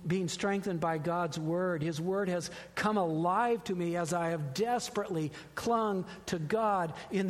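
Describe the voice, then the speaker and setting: Middle-aged male pastor, slightly raised pitch, earnest sermon delivery, long church reverb. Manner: earnest, warm preaching with personal stories. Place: church sanctuary.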